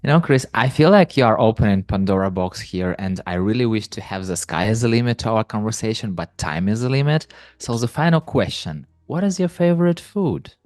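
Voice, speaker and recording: Guy hosting, lowish voice, dry sound. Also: lively intonation, a little fast, hardly any pauses, a little mellow, no echo, soft background music. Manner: asks questions with casual fillers. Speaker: podcast host. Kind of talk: interview questions.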